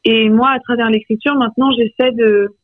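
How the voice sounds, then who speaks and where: Author guest on a phone call, heard through a thin landline, close and dry, thoughtful and searching in delivery. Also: female voice, a little high, steady tone, normal speed, dry recording. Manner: reflective, searching for words. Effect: heard over a landline phone line. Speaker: author interviewed about her poetry. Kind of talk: radio interview by phone. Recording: tinny, dry phone line.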